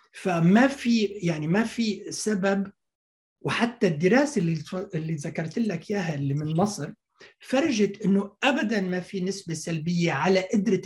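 A man with a Lebanese accent giving informal expert explanations as a doctor in an interview, often halting and repeating words as he goes. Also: high voice, darkish tone. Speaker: fertility doctor, interview guest.

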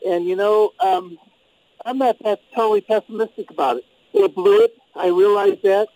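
A man's voice: high-pitched, moderate pace, warm tone, low-quality recording. A retired man in his sixties from St. Louis, calling in to a radio show on speakerphone from outdoors in a swimming pool. He talks in a rambling, friendly way with lots of ums and you-knows. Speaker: radio call-in caller. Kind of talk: casual call-in chat.

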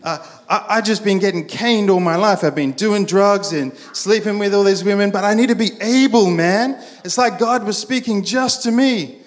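A spaced-out young ex-junkie drawls, as a preacher puts him on. His voice floats up high and sounds set back from the mic. He is earnest and keeps tacking "man" onto his lines. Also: moderate pace, big-room sound, natural voice. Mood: dazed, earnest. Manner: drawling, stoner-like, says "man".

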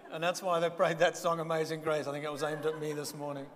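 Speaking fast in a fairly high, monotone voice, this older guest speaker from Zambia, a native Bemba speaker, shares a humorous, self-mocking testimony at church. A faint crowd can be heard in the reverberant church hall, which carries a faint ambience.

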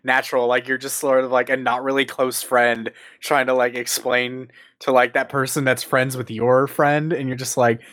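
Man, podcast co-host, casual chat, rambling, lots of fillers, mid pitch. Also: flat delivery, moderate pace, hardly any pauses, a bit bright.

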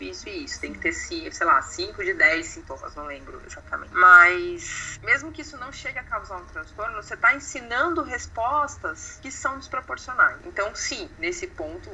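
A woman's voice: medium pitch, sharp tone. A middle-aged woman psychologist with a Brazilian Portuguese accent, explaining ideas in an interview through everyday examples. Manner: didactic, uses everyday examples and acted-out quotes. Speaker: psychologist guest. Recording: dull lo-fi recording, faint noise.

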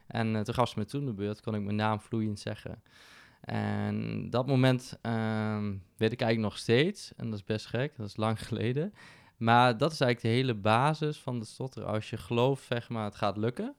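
Gravelly, smooth-voiced man on a podcast. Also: lowish voice, fairly even intonation, normal speed, no echo, studio quality. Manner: reflective, with frequent fillers and restarts. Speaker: podcast guest. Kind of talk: casual podcast conversation. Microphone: podcast microphone.

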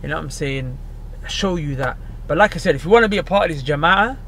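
Fast-talking London roadman, slangy and emphatic. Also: a little high, animated, a bit bright, slight background noise. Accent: London, urban roadman slang. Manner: emphatic, repetitive, slangy street talk. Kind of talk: casual chat.

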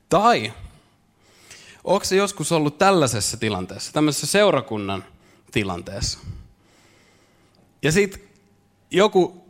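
A young man preaching in a playful, way, with a style casual speech, repeating words as he builds each point. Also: on the high side. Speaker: pastor. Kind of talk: conversational sermon.

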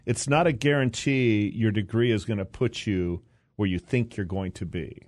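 A low-voiced older man speaks as a guest in a relaxed interview, close to the mic in a dry room. He wanders through his stories, full of fillers and restarts. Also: normal speed, no echo. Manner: rambling storyteller, many fillers and restarts. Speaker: interview guest, university board president. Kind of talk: casual interview chat.

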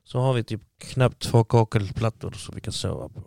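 A man's voice: fairly low pitch, gravelly, dark tone, no echo, studio quality. A man, the guest, telling a long story casually and acting out what people said to him.

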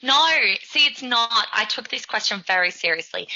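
A woman's voice: fairly high pitch, expressive, normal speed, bright, forceful tone, highs cut off. A woman with an Australian accent chatting playfully and casually as a podcast co-host. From Melbourne, Australia.

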